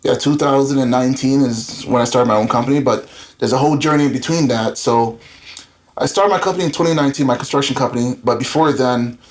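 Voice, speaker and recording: Speaking quickly in a medium pitch, a thirtysomething man who grew up in Florida chats casually as an interview guest. The entrepreneur recounts his story openly, wandering off in rambling talk packed with filler words.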